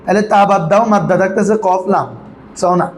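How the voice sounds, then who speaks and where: A male Arabic grammar teacher, drilling his students with quick questions in a patient classroom manner. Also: high-pitched, reverberant, slight background noise, poor audio.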